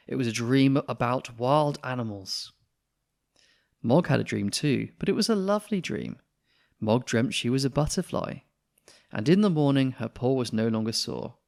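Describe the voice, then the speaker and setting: A man with a gravelly, mid-range voice gives an expressive storytelling reading of a children's picture book.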